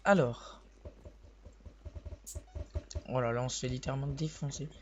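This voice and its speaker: A young man talks quietly through a sore voice while playing, rambling and backtracking as he explains the game. His pitch sits in an ordinary middle range. The recording is a little dull and lo-fi, with a faint hiss underneath. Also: steady tone, unhurried. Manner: hesitant, rambling, restarts sentences. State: sore voice, speaking softly. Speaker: gaming video host. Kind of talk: live gameplay commentary.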